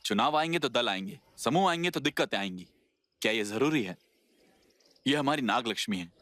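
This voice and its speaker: A man dubbing a calm village peacemaker who talks others round. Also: mid-range voice, fairly quick, no echo, lightly acted. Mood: persuasive. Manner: calm, persuasive. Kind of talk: Hindi film dub.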